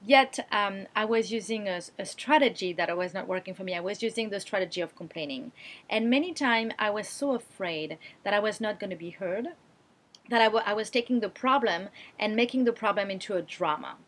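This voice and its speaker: A woman's voice: mid-range voice, animated, fairly quick, fairly bright tone. A woman blogger talking straight to camera, explaining her advice earnestly with frequent fillers and restarts. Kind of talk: direct-to-camera advice talk.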